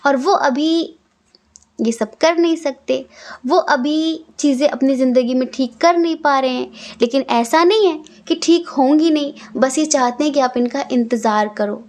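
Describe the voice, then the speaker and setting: A woman's voice: high voice, measured pace, a little mellow. A young woman giving a casual tarot reading, speaking earnestly and directly to the viewer, repeating her points. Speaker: tarot reader.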